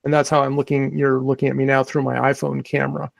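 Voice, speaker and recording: Male podcast co-host, casual and rambling, gravelly voice. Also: medium pitch, monotone, fast, dry recording. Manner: rambling, many restarts and fillers. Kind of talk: casual chat.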